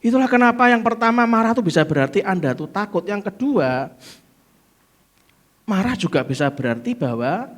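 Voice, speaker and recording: A middle-aged man with a Javanese accent preaching a sermon, swinging between loud exclamations and soft asides and throwing rhetorical questions at the congregation. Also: a little high. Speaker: pastor.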